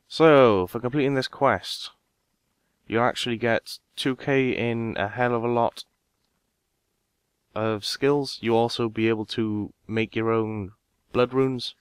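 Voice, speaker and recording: A man's voice: mid-range voice, steady tone, slow, clear, resonant tone, no room sound. A man giving casual step-by-step game walkthrough narration, talking straight to his viewers.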